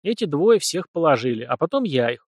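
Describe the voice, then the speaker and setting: A man voicing a calm, terse teenage boy who speaks without emotion. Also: fairly high pitch, brisk, dry recording, studio quality. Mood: deadpan. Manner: deadpan, terse, flat.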